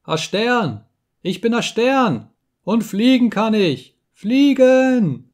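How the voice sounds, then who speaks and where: A man's voice: on the high side, takes it slowly, voice pushed up. A man voicing a small, shy peasant boy with a childlike, breathless voice in a storybook reading. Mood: jubilant.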